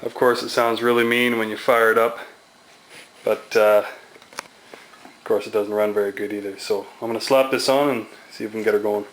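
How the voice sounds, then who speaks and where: On a low-quality recording with slight background noise, a man shows off a DIY exhaust swap on his motorcycle in casual, slangy terms. He talks at normal speed in a lowish voice with little pitch movement.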